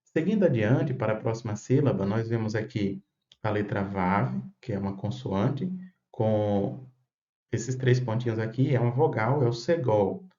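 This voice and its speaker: A man's voice: fairly low pitch, moderate pace, warm tone. A man explaining a lesson, patient and methodical, checking in with listeners as he goes. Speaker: Bible teacher. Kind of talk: explanatory lesson on Hebrew phonetics. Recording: roomy, dull sound with faint guitar music.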